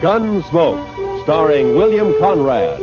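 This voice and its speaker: A male announcer giving a booming, declamatory show opening. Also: sing-song, takes it slowly. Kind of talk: dramatic radio announcing. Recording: muffled old radio broadcast. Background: loud theme music.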